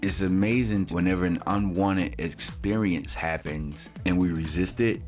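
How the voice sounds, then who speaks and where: Speaking at a measured pace with fairly even intonation, this man in his late forties has a low-pitched, slightly mellow voice over soft background music. Hosting his own vlog, he's slangy and loose, swears freely, and says "you know" a lot.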